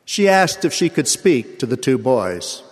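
An older man giving a sermon, telling a personal story in a measured, earnest way. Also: medium pitch, very animated, slightly rough, long reverb tail. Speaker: church speaker.

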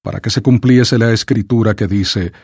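A man reading scripture aloud for an audiobook in a measured, solemn way. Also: fairly low pitch, fairly even intonation, vocal fry, darkish tone, husky, no echo, studio quality. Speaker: scripture reader.

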